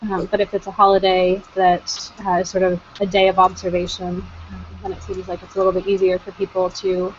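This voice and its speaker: Hosting an online group meeting, a woman network coordinator talks casually with plenty of ums and uhs. Her lowish voice is monotone and fairly quick, coming through dull lo-fi video call audio with a little hiss or hum.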